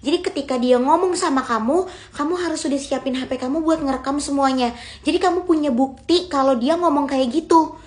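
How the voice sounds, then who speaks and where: A woman's voice: high voice, fairly quick, natural voice. A woman voicing a confident young woman friend who speaks firmly and encouragingly in a homemade drama. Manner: firm, encouraging and steady.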